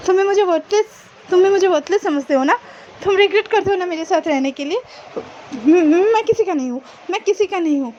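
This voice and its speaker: A woman voicing a hurt young man who pleads softly and sounds close to tears, in a fan-fiction story retelling. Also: very high voice, quick pace, lo-fi sound, slight background noise. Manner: soft, pleading, near tears.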